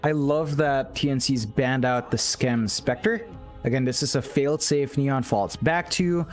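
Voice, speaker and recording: A man casting an esports match, giving quick analytical draft commentary with stammered restarts. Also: medium pitch, faint music behind. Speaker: esports caster.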